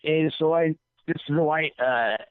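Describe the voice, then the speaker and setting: A man's voice: on the high side, normal speed, clear, resonant tone, no echo. A man calling in to a show and telling a long, rambling, profane story, repeating himself as he goes. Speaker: caller. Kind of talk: casual call-in storytelling. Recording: tinny phone line, dry.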